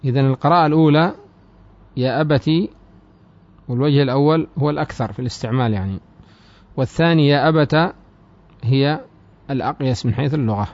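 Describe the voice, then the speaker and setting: A man teaching a classical Arabic grammar lesson. He reads the text slowly and deliberately, then explains it more quickly and quietly, asking his students questions. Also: medium pitch. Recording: dry, dull lo-fi recording.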